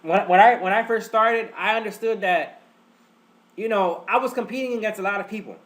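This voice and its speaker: This webinar host talks with a stuffed-up nose in a high, slightly bright voice at a fairly quick pace. He teaches casually and live, chatting, repeating himself, and frequently calling his listeners "guys."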